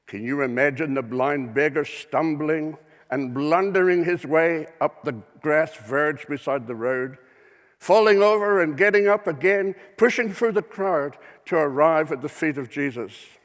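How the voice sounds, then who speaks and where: A male minister preaching a sermon in church, measured and deliberate, with dramatic rhetorical questions. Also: fairly high pitch, in a large hall.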